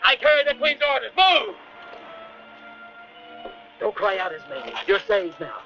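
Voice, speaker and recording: A man's voice: extremely high pitch, wildly swooping pitch, brisk, bright, forceful tone, shouting, full character voice. An actor dubbing a commanding male hero who gives curt orders. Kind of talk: dubbed film acting. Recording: dull old film soundtrack with music.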